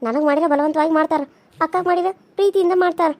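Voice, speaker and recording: A woman's voice: very high voice, steady tone, fast, a little mellow. A woman voicing a young village woman in a cartoon serial, coaxing and soothing, with a North Karnataka accent. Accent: North Karnataka Kannada.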